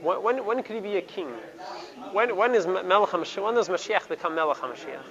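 A man's voice: sits high, fast talker, fairly bright tone. A man teaching a Torah lesson, stopping and repeating words and mixing Hebrew terms into his English. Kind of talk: Talmudic study lesson. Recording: dull lo-fi recording with crowd behind. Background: crowd noise.

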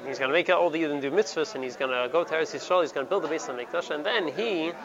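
A man's voice: a little high, rapid-fire. A man teaching a Torah lesson, stopping and repeating words and mixing Hebrew terms into his English. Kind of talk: Talmudic study lesson. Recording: dull lo-fi recording with crowd behind. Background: crowd noise.

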